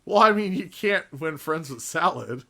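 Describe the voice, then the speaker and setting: A man's voice: on the high side, lively intonation, moderate pace, gravelly, sharp tone. A man hosting a casual podcast chat, laughing often and restarting his sentences. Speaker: podcast host.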